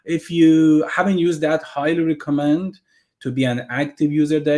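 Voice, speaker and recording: Over a video call, a man from Iran with an Iranian accent gives an eager technical presentation as a guest, Persian being his native language. His voice sits in the mid range with a darkish tone, and he often begins phrases again.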